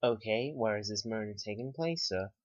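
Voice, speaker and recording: A man voicing a male emergency dispatcher who asks brisk, procedural questions. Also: fairly low pitch, lively intonation, no echo, lightly acted. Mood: businesslike. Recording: dry, slightly dull lo-fi.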